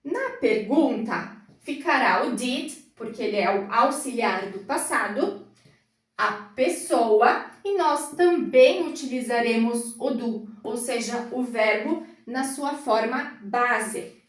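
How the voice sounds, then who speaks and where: Woman teacher, slow careful delivery, higher voice, echoey room heard from a distance. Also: expressive. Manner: slow, patient explaining at a whiteboard. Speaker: English teacher. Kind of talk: classroom grammar explanation. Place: indoor classroom with a whiteboard. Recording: roomy echo, mic far off.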